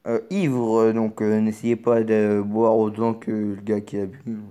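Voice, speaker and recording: A man's voice: lowish voice, little pitch movement, a little slow, dark tone, clear, resonant tone, lo-fi sound. A man co-hosting in casual chat, commenting on clips in a hesitant way. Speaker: co-host.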